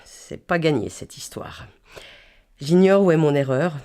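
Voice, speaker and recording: A woman's voice: sits low, a little slow, mellow. A French-speaking woman reading a humorous first-person column in a wry, playful way, miming sounds and accents.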